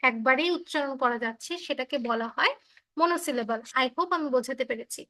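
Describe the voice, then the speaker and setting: A woman teacher with a Bengali accent leads an online English class, her voice high and bright. She explains slowly and patiently, repeating each point and mixing English with Bengali, heard through a video call. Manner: slow, repetitive explaining, switching between English and Bengali.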